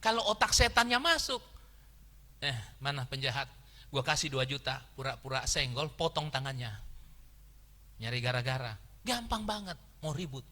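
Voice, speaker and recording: Middle-aged male pastor, bright and forceful tone, animated preaching with sudden loud peaks, long church-hall reverb. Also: medium pitch, normal speed. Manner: animated preaching, swings from hushed asides to loud exclamations. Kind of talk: sermon.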